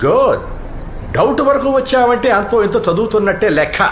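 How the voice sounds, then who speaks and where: Male, Telugu accent, fast sarcastic college authority figure, film comedy, roomy sound. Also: high-pitched, animated. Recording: roomy film audio, faint noise.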